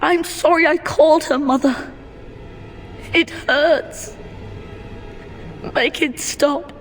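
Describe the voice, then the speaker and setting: A woman's voice: high-pitched, fairly even intonation, takes it slowly, soft background music. Frightened boy in pain. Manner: weak, pained, faltering. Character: young boy in agony, frightened and weak. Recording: long hall reverb.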